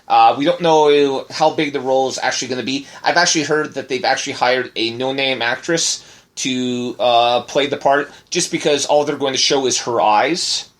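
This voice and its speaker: Here a married man in adulthood co-hosts a laid-back podcast, wandering through news stories full of fillers and false starts. He has a medium-pitched, fairly bright voice and keeps a moderate pace.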